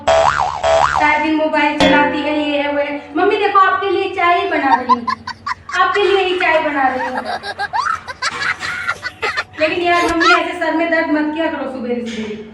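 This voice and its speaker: A woman playing an exasperated young daughter-in-law who pleads and defends herself in a comic sketch. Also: extremely high pitch. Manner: pleading, defensive, half laughing. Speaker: comedian. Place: home kitchen. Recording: very echoey room, mic far off, loud noise.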